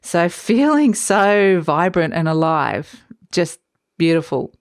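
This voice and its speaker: A woman giving a tarot reading in a dreamy, searching way, pausing on fillers as she hunts for words. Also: on the low side, big pitch swings, no echo, studio quality. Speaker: tarot reader.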